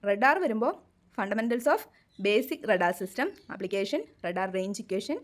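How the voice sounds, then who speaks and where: A woman's voice: mid-range voice, lively intonation, drawn-out words. A woman, teaching as an exam coach, reading a syllabus topic by topic, with technical terms in English and short remarks in Malayalam.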